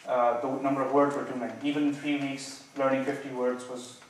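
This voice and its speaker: A man defending his PhD thesis, nervous and hedging, halting with many false starts and repeated words. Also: mid-range voice, level tone. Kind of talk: academic thesis defense, spontaneous answers. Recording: very echoey room, distant mic, faint noise.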